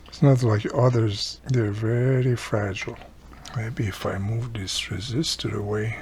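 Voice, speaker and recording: This casual repair tutorial features an older electronics hobbyist chatting as he fixes a radio at home in his workshop room. He speaks in a lowish voice, with a touch of hiss or hum audible.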